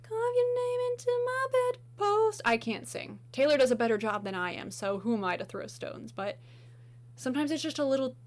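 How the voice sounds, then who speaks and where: A woman gushes through a casual song-ranking chat, her voice a little hoarse. She talks at a middling pitch and fills her sentences with casual filler words. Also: slight background noise. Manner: gushing, enthusiastic, filler-heavy. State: slightly hoarse, losing her voice. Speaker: video host.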